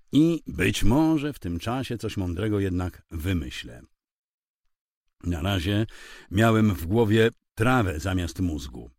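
A man narrating a first-person crime audiobook with a dramatic, expressive reading. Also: on the low side, dry recording, studio quality.

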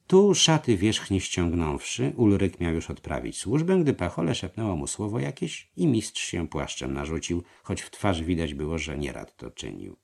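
A man narrating a historical novel with a dramatic, lively reading. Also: sits low, moderate pace, creaky, hardly any pauses.

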